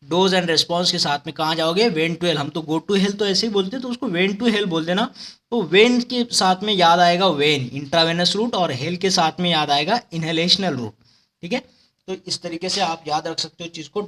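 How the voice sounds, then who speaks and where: A man's voice: high-pitched, bright, forceful tone. A man teaching pharmacology for exams, explaining step by step with memory tricks and often checking in with his listeners. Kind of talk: exam-prep lecture with memory tricks.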